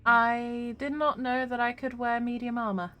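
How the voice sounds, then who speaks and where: A woman's voice: a little high, level tone, moderate pace, bright, forceful tone. A woman giving casual, chatty gameplay commentary, reacting aloud as she plays. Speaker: gamer hosting a playthrough.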